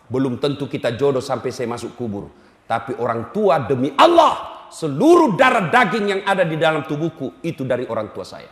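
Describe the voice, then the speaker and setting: A male preacher giving a humorous sermon in an animated, teasing way, speaking directly to his audience in a large hall. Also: mid-range voice, brisk. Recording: echoey hall.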